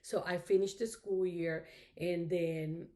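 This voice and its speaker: Speaking slowly in a voice that sits on the low side, steady and darkish, a middle-aged Spanish-speaking craft vlogger chats casually to her audience. She wanders from point to point, thanks her viewers, and says "you know" constantly.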